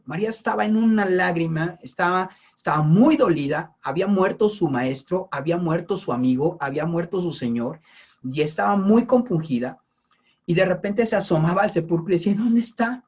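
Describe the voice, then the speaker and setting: A man delivers a sermon in a husky, slightly rough voice, leaning on repetition and direct questions to his listeners. The recording sounds dull and lo-fi. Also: fairly high pitch, a little mellow. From Mexico. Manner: emphatic, repeats phrases and asks the listener questions. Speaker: preacher.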